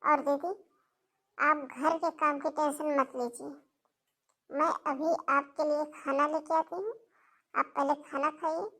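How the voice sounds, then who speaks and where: A woman's voice: sits high, fairly even intonation, a little slow, pauses often, a bit bright. A woman voicing a kind, protective young sister-in-law. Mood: reassuring. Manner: reassuring, firm. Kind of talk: cartoon voice acting.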